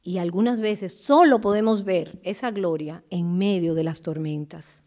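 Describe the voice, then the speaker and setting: Woman, Bible teacher, earnest devotional talk, mellow tone, slow emphatic pauses. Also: fairly low pitch.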